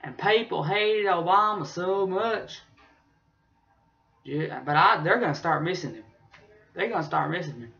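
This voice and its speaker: A man's voice: high-pitched, expressive, unhurried, creaky, pauses often, pushed and bright, full character voice. A young man playing a rambling, opinionated redneck vlogger with a rural drawl. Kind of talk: casual vlog rambling in character. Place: small bedroom, indoors. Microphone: webcam or laptop mic at arm's length. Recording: dull lo-fi webcam sound.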